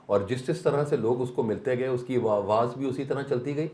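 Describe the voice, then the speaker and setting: A man's voice: medium pitch, mellow. A man giving a motivational seminar talk, mixing English phrases into Urdu and asking rhetorical questions. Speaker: seminar speaker. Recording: echoey hall.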